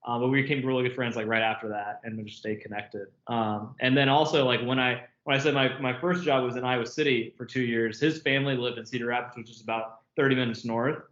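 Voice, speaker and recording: A man's voice: mid-range voice, fairly even intonation, fast, few pauses, a bit bright. A man of about thirty, an interview guest in casual chat, talking with lots of filler words and frequent laughs over a remote call. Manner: chatty, laughs often, many filler words. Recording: echoey, muffled call audio.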